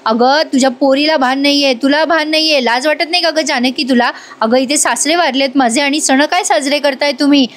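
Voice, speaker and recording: A woman voicing a sharp-tongued young daughter-in-law who taunts and scolds. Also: high-pitched, brisk, few pauses, natural voice. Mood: scornful.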